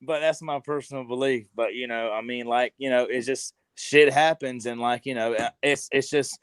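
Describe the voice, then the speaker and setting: A man's voice: medium pitch, steady tone, normal speed, clear, resonant tone, dry recording. Rambling, swearing man in his twenties. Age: 20s. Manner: rambling, heavy with fillers and swearing. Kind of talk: casual podcast chat.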